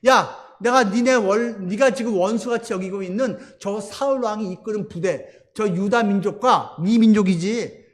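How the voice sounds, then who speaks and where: A man's voice: high voice, normal speed, lightly acted. A man preaching plays an ancient king, blunt and chummy, coaxing someone into battle. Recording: long church hall reverb.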